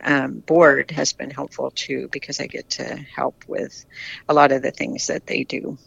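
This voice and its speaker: Chatting frankly through casual interview answers, this retired cyclist from the United States, in their sixties, keeps restarting and repeating words. A medium, gravelly voice with little pitch movement comes at a measured pace, a bit bright with a breathy edge. There's no room sound, and the highs are cut off.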